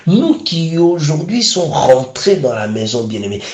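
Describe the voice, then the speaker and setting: A man's voice: fairly high pitch, very animated, a little slow, darkish tone. A man preaching a sermon, emphatic and repeatedly calling his listeners beloved. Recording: echoey room.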